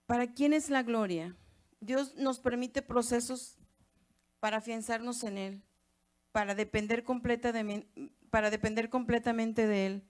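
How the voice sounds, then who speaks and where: A woman pastor preaching a sermon with a Mexican Spanish accent, emphatic, asking rhetorical questions and repeating phrases for weight. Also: fairly high pitch.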